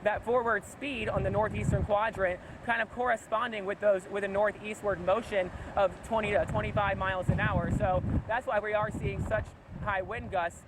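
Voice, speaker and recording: A man's voice: sits high, steady tone, normal speed, few pauses. A man working as a field reporter, giving unscripted live storm coverage outdoors and projecting over the wind. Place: outdoors by a flooded road in a hurricane.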